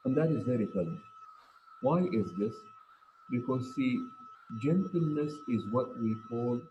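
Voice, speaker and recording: A man's voice: mid-range voice, expressive, unhurried, mellow, muffled recording, a little hiss or hum. A man giving a sermon at a mosque, telling stories emphatically and repeating key phrases. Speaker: mosque speaker. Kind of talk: sermon talk.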